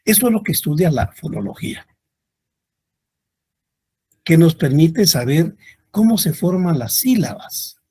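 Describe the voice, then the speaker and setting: A man giving a classroom lecture, speaking slowly and deliberately and repeating examples for his students. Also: fairly high pitch, big pitch swings, mellow, husky. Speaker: university lecturer.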